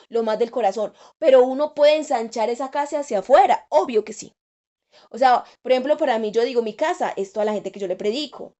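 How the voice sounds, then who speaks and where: A woman's voice: a little high, dark tone. A woman preacher giving an earnest sermon, repeating key phrases for emphasis.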